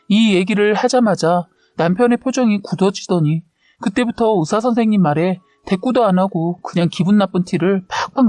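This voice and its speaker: A woman's voice: mid-range voice, dark tone, no room sound. Woman narrating a radio story. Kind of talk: first-person story narration.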